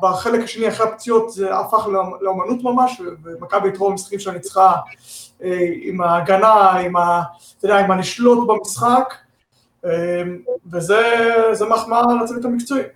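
A man appearing as a guest sports journalist on a casual podcast, halting and restarting words as he gives his opinions. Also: high-pitched, steady tone, a bit bright. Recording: echoey roomy sound.

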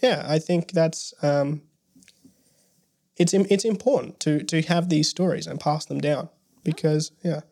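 A young adult early childhood educator chatting as a podcast guest. The voice sits at a middling pitch and often stops to restart a thought. Now and then a dry joke lightens the talk. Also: a little slow, gravelly, a little mellow. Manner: hesitant, with many restarts and wry jokes. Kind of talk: casual podcast conversation.

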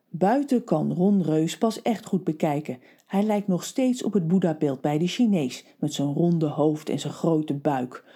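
Woman narrator for a kids' storybook, steady and expressive, low and mellow. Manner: steady, expressive reading aloud.

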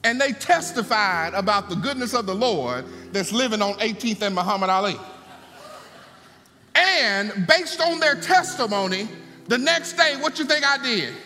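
High lively preacher in a big hall. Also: male voice, moderate pace. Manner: call-and-response preaching, folksy asides. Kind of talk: sermon. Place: church sanctuary. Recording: long hall reverb, faint music.

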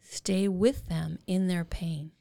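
A woman's voice: lowish voice, steady tone, slow pace, creaky, dark tone. A woman co-hosting a parenting podcast, explaining techniques and acting out what teens and parents say. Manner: acts out teens' and parents' lines with big voice swings. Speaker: podcast co-host, parenting therapist.

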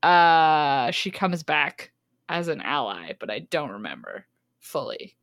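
A woman's voice: deep voice, big pitch swings, slow, a bit bright, dry recording, studio quality. Giggly woman hosting a casual book podcast. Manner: chatty, laughs often mid-sentence. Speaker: podcast host. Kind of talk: casual book-club chat.

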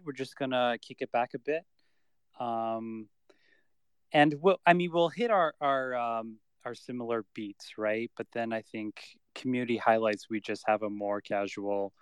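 A man with a medium-pitched voice hosts a podcast at a normal pace, recorded cleanly without echo. He opens with an upbeat, scripted, announcer-style intro, then relaxes into casual conversation.

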